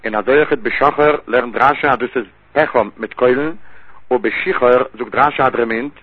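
A man's voice: medium pitch, moderate pace, breathy edge, dry recording. Man giving a tinny, dry Talmud lesson. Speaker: Talmud teacher. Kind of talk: Yiddish-style Talmud lesson. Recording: dry, tinny phone-like recording.

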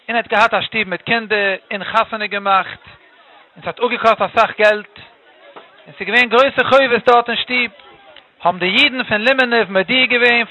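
A man telling a traditional religious tale, acting out the characters' lines in a lively way. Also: extremely high pitch, low-quality recording. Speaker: storyteller.

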